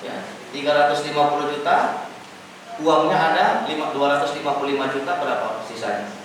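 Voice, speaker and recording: A middle-aged male pastor preaching a storytelling sermon, swinging from hushed asides to loud, rising emphasis. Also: a little high, a little fast, background noise. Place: church hall. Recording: echoey church hall from far off.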